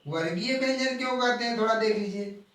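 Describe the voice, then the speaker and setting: High-voiced male teacher in an echoey room. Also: fairly bright tone. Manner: explains slowly, repeating key terms and drawing out example sounds. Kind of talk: live online grammar lesson. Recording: very echoey room, voice from far off the mic.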